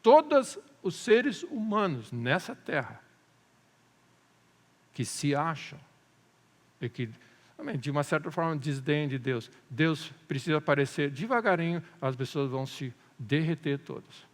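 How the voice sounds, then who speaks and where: A pastor preaching a sermon, telling a story with animation and often asking the congregation "amém?". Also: male voice, a little high, animated, unhurried. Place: church hall. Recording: long reverb of a church hall.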